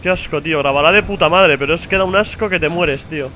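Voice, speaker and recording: A man's voice: fairly high pitch, fast, bright, forceful tone, a little hiss or hum. A young man with a Spain Spanish accent commenting on his gameplay, swearing in frustrated outbursts and muttering to himself. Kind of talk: let's play commentary.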